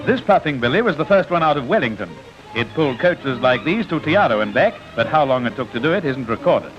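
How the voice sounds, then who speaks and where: A man narrating an old newsreel in a brisk, jaunty scripted manner with wry asides, heard as an old newsreel soundtrack. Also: fairly high pitch, big pitch swings. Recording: dull lo-fi old newsreel film sound with music.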